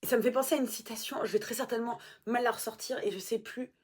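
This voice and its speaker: A woman vlogger in casual chat, animated and self-mocking, swearing now and then. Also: a little high, quick pace, breathy edge.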